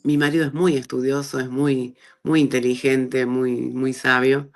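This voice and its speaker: A middle-aged woman with an Argentine accent, telling her personal testimony in a conversational way and acting out the dialogue she quotes. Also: a little slow. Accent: Argentine Spanish. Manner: animated storyteller who acts out quoted dialogue with big pitch jumps. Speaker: guest giving a testimony.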